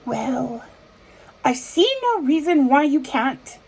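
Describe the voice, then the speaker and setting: A woman voicing a bossy, sly, haughty stepmother in a children's fairy tale read-aloud, with a creaky voice. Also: high voice, animated, slow, darkish tone, a little hiss or hum.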